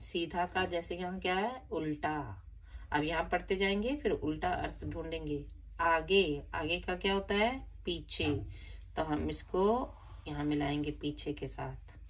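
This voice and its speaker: A woman's voice: low voice, unhurried. A woman teaching a grammar lesson to young children, patiently spelling out words syllable by syllable. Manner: repeats and stresses each word for children. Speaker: primary school teacher.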